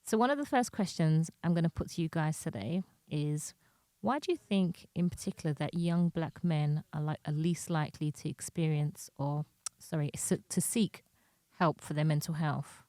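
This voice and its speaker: A woman's voice: sits low, moderate pace, mellow, no room sound. A woman hosting a podcast interview, asking questions politely and in an organized way. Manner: organized, polite, briefly corrects herself.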